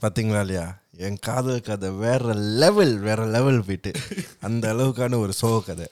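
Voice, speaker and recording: A man of average pitch co-hosts a casual podcast. His delivery is extremely rapid. He speaks, hopping between languages as he banters. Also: animated, a little mellow. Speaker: podcast co-host.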